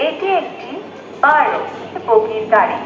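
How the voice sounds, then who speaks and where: A woman's automated train announcement played over a railway station loudspeaker, read in slow, evenly spaced, pieced-together words. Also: on the high side, lively intonation, reverberant, lo-fi sound, crowd noise, noisy background. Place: railway platform, outdoors. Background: trains and station ambience.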